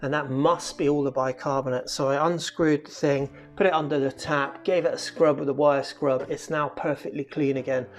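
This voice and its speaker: Relaxed homebrewer explaining each step. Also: mid-range voice, moderate pace, hardly any pauses, faint music behind. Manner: relaxed, explanatory, many fillers. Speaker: homebrewer hosting the channel. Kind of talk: casual how-to narration.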